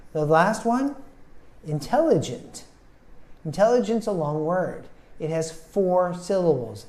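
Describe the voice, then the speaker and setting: A man teaching English pronunciation, speaking slowly and deliberately and sounding words out syllable by syllable. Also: fairly high pitch, darkish tone.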